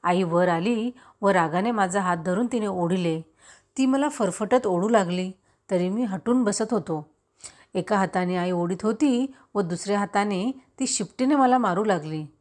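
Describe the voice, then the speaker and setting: A woman's voice: mid-range voice, a little slow, darkish tone. Woman reading a story aloud. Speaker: story reader. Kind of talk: scripted narration of a Marathi classic.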